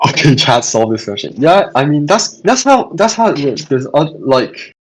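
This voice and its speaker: Young male student tutor, husky voice, casual and hesitant, repeats himself while answering chat. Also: a little high, very animated, moderate pace, rough recording. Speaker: student tutor hosting a revision session.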